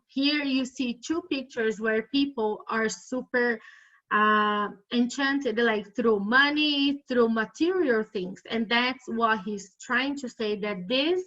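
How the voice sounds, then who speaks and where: Slow, hesitant woman, lo-fi sound. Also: a little high, fairly bright tone. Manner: hesitant, searching for words, many fillers. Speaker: study group member. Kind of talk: casual spiritual study discussion. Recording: dull lo-fi audio.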